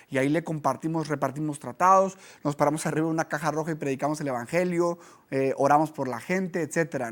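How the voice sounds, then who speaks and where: A man, a pastor giving a conversational sermon, who tells stories with lively energy. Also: on the high side. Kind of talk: sermon teaching.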